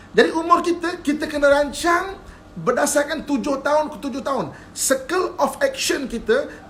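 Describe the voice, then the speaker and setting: Speaking with an extremely high, slightly bright voice over slight background noise, this religious teacher gives a live-streamed lecture in a Malaysian Malay accent. He is playful and chuckles often, repeatedly asking whether people follow him.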